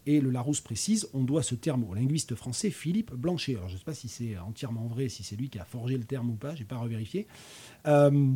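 A man's voice: medium pitch, lively intonation, fairly quick, warm tone, slightly rough. A man in his fifties with a regional French accent, hosting a casual chat, hesitant, with many fillers and restarts. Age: 50s. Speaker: host.

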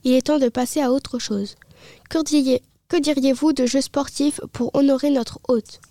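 A woman's voice: high-pitched, fairly even intonation, moderate pace, mellow, dry recording. A woman reading aloud the lines of a courteous, genial old king, in a raised, announcing delivery. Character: courteous king, older man, genial host.

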